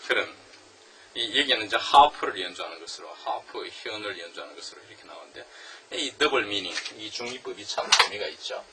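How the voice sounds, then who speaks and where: Animated male literature lecturer. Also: fairly low pitch, far from the mic, crowd noise, poor audio. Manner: animated, rhetorical questions, reads English lines slowly. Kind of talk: classroom lecture on a novel.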